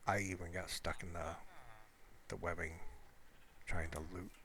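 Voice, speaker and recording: This is an amateur gaming video creator, a man with a low voice who talks a little slowly. His gameplay commentary is casual and unscripted, rambling and hesitant as he thinks out loud. A steady noise runs in the background.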